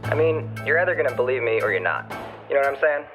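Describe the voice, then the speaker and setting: A man's voice: medium pitch, lively intonation, fast, over music. An actor playing a young male inmate talking on a prison phone call, hesitant and defensive, trailing off. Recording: muffled lo-fi phone line.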